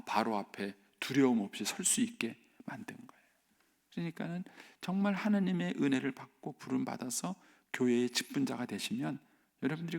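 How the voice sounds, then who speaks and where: A male pastor preaching at a dawn church service, animated and acting out the voices he quotes, now and then dropping to a near whisper. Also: medium pitch, vocal fry. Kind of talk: sermon at a dawn worship service. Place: church sanctuary.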